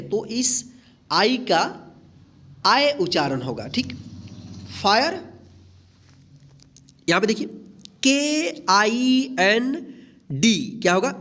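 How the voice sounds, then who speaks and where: A teacher talks at a very slow, deliberate pace, spelling each word one letter at a time and then reading it out. He asks the class what a word says and answers it himself. The voice sits at a middle pitch, neither high nor low. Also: fairly bright tone. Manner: spells words letter by letter, then reads them aloud. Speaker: English teacher. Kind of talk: slow spelling-out phonics lesson.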